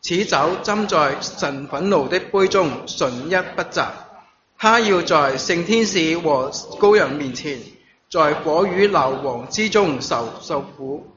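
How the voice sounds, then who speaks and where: A man preaching a sermon, reading scripture in a measured way and using halting fillers when he speaks freely, at a church service that is also streamed online. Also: a little high, lively intonation, fairly bright tone. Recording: dull lo-fi recording with congregation noise.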